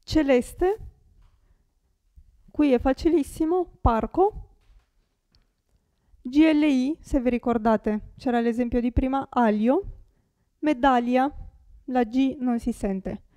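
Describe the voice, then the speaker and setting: Slow, high-voiced Italian teacher drilling words. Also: female voice, dark tone, dry recording. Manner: slow, carefully articulated, repeating each word. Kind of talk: pronunciation lesson.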